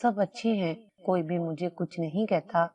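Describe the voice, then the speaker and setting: A woman's voice: fairly low pitch, mellow, distant mic, close to an everyday voice. A woman voicing a frightened young schoolgirl, timid and tearful.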